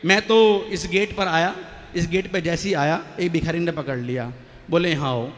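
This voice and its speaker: High-voiced man telling comic stage poems. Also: moderate pace, fairly bright tone, in a large hall. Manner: jokey storytelling, banter with audience. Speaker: stage poet. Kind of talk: comic poetry recital.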